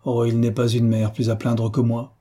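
A man voicing a gravely ill, grieving noble mother in an audiobook, weak and pleading. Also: medium pitch, completely flat delivery, normal speed, warm tone, lightly acted. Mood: anguished.

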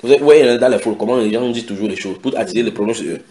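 Guy preaching a sermon, bit of room echo, gets really animated. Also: fairly low pitch, very fast. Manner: animated preaching with acted quotes and a shouted climax. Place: house church room. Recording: echoey room, faint noise.

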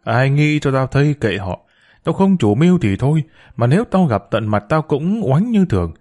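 A man's voice: mid-range voice, sing-song, normal speed, lightly acted. A man voicing an angry middle-aged mother who scolds her children about her husband's affair. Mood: scolding. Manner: sharp, scolding.

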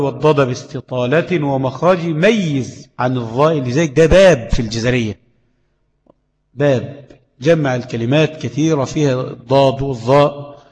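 A man's voice: medium pitch, gravelly, darkish tone, in a large hall, rough recording. A man with an Egyptian accent teaching tajweed, explaining letters and checking understanding with rhetorical questions. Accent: Egyptian Arabic. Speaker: Quran recitation teacher. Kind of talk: tajweed lesson.

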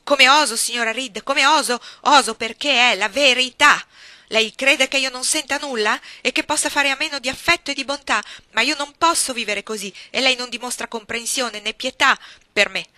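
Fiery young girl bursting out in outrage, high and piercing , voiced by a woman reader, storybook reading. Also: steady tone, normal speed, hardly any pauses, pushed and bright, dry recording. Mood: indignant. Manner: passionate, outraged outbursts. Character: defiant young girl, angry and trembling.

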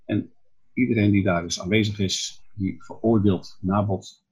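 A low, very husky male voice preaching a Bible exposition. He explains things step by step and keeps asking questions, then answering them himself. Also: steady tone, measured pace. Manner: explanatory, asks and answers his own questions.

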